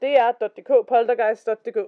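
A woman's voice: fairly high pitch, steady tone. Chatty woman on a lo-fi podcast. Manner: chatty, reads quotes in a slower voice. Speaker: podcast co-host. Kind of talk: casual podcast chat, reading stories aloud. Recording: dull lo-fi podcast recording.

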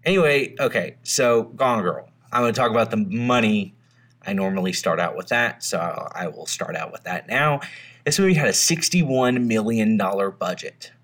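A man's voice: fairly low pitch, lively intonation, moderate pace, fairly bright tone. A man co-hosting a movie podcast in casual, rambling chat, recording under a blanket. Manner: rambling, laid-back, swears freely. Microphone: home podcast mic under a blanket.

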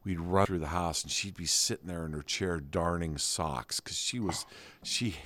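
This middle-aged podcast co-host speaks in a low, slightly bright voice at a normal pace. In casual chat he tells rambling stories with a fond, nostalgic warmth.

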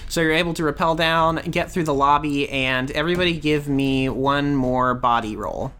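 A man narrating a tabletop game as game master, in a relaxed, hesitant way with many fillers. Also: on the high side, moderate pace, smooth, soft background music.

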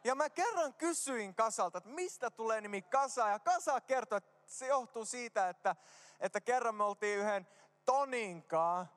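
A man's voice: very high-pitched, animated, a bit bright. A man preaching a casual, joking sermon in a church, mixing slang with prayer. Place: church hall. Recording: reverberant hall.

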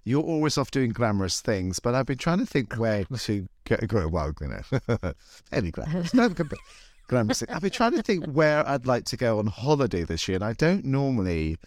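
A man's voice: medium pitch, very animated, normal speed, darkish tone, dry recording. A man hosting a casual chat in a camp, wry, rambling and self-deprecating way. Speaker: host. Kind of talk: casual, chatty podcast conversation.

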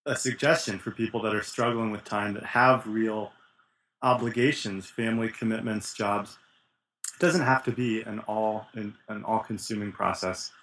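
A man's voice: on the low side, fairly even intonation, normal speed, fairly bright tone, slight background noise, low-quality recording. A man hosting an interview and coaching writers, giving encouraging advice. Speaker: podcast host and writing coach. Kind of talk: casual interview.

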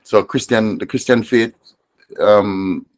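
A Jamaican reggae artist talks reflectively in a conversational interview, often restarting and repeating words as he gathers his thoughts. His man's voice is on the low side and slow, recorded with no echo.

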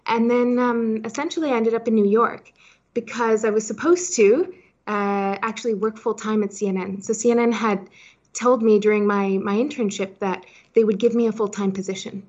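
On a lo-fi recording, a woman with a fairly high, slightly mellow voice talks at normal speed with fairly even intonation. She's a startup founder in her thirties, born in Switzerland and raised in Hong Kong, guesting on a podcast and chatting freely with lots of "you know."

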